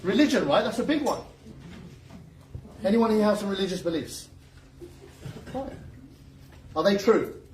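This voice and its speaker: Speaking high and unhurried with long pauses, this seminar speaker delivers a motivational talk full of jokes and questions thrown at the crowd. His manner is lively, and the recording comes from afar in an echoey room with slight background noise.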